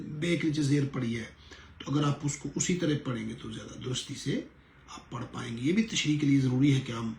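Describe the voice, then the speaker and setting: A middle-aged man, a pastor, teaching a lesson in an earnest sermon style and slowly repeating words to show how they are pronounced. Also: mid-range voice, gravelly, reverberant, a little hiss or hum.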